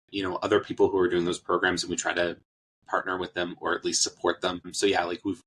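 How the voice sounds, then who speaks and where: A man answering interview questions about his charity's work, relaxed, with many fillers and restarts. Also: deep voice, a little hiss or hum, low-quality recording.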